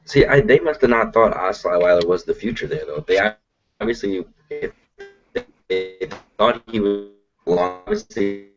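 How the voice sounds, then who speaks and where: A man's voice: on the low side, big pitch swings, unhurried, vocal fry, lo-fi sound, soft background music. A man co-hosting a casual sports podcast over an online call, his audio choppy and cutting out as he trails off mid-sentence.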